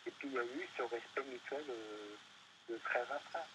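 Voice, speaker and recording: A man's voice: mid-range voice, normal speed, background noise. A man being interviewed, talking hesitantly with many fillers and restarts. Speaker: interview guest. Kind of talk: casual panel interview. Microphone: studio microphone.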